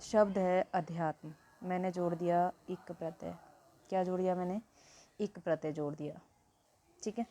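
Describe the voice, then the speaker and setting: A woman's voice: on the low side, steady tone, moderate pace, mellow. A woman teaching a Hindi grammar lesson, explaining step by step and asking questions she answers herself.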